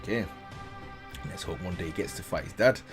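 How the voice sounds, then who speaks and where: A man whose voice sits low reads a text a little fast, hosting a reaction video and tossing in his own casual remarks. Loud music runs underneath.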